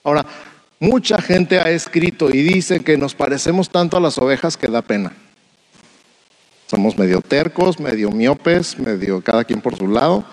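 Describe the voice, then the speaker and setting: A man's voice: medium pitch, expressive, normal speed, rough recording. Man preaching a sermon with refrains. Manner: repeats refrains and asks the listeners rhetorical questions. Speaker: pastor preaching to pastors.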